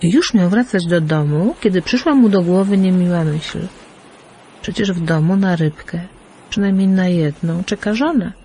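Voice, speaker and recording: A woman narrating a fairy tale in an expressive, lilting storyteller manner. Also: on the low side, normal speed, a little hiss or hum. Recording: faint background music.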